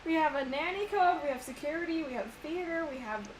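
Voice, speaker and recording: A woman chats excitably on a home stream, rambling from one game theory to the next. Her voice sits a little high, and a steady hiss of background noise runs under her words. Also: fast talker. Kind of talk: casual chat. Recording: noisy home stream audio.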